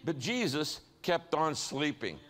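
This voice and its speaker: A man preaching a sermon in short, emphatic phrases, his voice sitting a little high. He speaks in measured steps, leaving gaps between phrases for an interpreter to keep up. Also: sing-song, crowd noise. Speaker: pastor.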